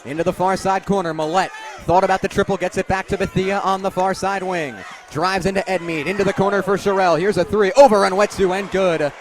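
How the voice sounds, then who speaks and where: Courtside in a noisy arena, a young man with a high voice calls live radio basketball play-by-play at a brisk clip. He describes the action vividly and gets louder on big plays, with crowd noise and bouncing balls all around.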